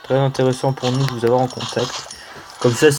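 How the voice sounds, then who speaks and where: Speaking at a medium pitch in a level tone, a man with a French accent offers casual remarks on a mobile game he's playing. He runs a gaming channel, and his manner is unhurried and hesitant, thick with "euh" fillers. The background is noisy, with music under his voice.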